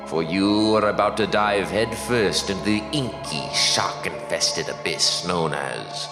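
A man playing an ominous, melodramatic announcer narrating a horror radio show in a drawn-out, roomy echoing voice. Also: low-pitched, over music.

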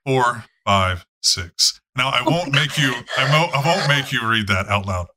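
A man's voice: medium pitch, expressive, unhurried, sharp tone. A man narrating a tabletop game as game master, casual and profane, with frequent fillers.

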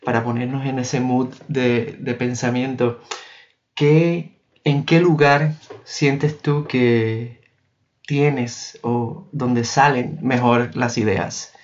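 A man hosts an interview and asks his questions haltingly, filling the gaps with hesitation sounds. His voice is mid-pitched, and the recording sounds dull and lo-fi. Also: steady tone. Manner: halting, lots of filler sounds. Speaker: podcast host. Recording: dull lo-fi audio.

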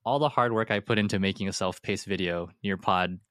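A man's voice: low voice, fairly quick, fairly bright tone, no echo, studio quality. A man who teaches, a guest on a podcast, telling his story in an eager, rambling casual interview chat.

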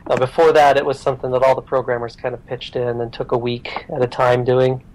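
A man who is a guest on a podcast, talking in a relaxed, self-deprecating way with many fillers. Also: medium pitch, a little fast, poor audio. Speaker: podcast guest, programmer and writer. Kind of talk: casual interview chat.

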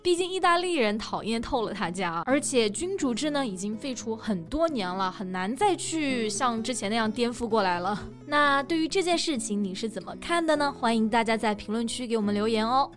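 Woman co-host for an English lesson podcast, fairly high voice, faint music under her. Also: lively intonation, fairly quick, few pauses. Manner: explains word meanings step by step. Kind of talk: bilingual language lesson.

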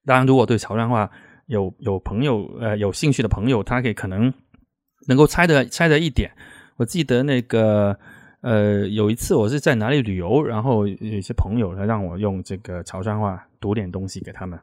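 A man with a Chaoshan Teochew accent, a native Teochew speaker, hosts a casual interview and talks haltingly, often repeating words. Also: on the low side, a little mellow, no room sound, clean studio sound. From Chaoshan, southern China. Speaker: podcast host.

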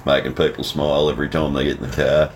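A low, deep voice of an Australian man in his fifties. He chats casually as a host, swearing freely in blokey slang, over noticeable background noise. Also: flat delivery, fast talker. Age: 50s. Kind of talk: casual chat.

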